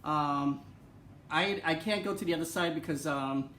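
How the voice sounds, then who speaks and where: A man rambles casually through a tour of his pianos at home, repeating himself and filling pauses with ums. He sounds set back from the mic in a strongly echoing room, with noise audible behind him. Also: a little high, a bit bright. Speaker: piano vlogger. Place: room in a house. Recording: echoey room, far from the mic.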